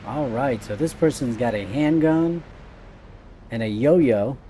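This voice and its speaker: A man's voice: mid-range voice, slow pace, mellow, slight background noise. A man giving casual let's-play commentary as the host of a gaming video, with game ambience behind him.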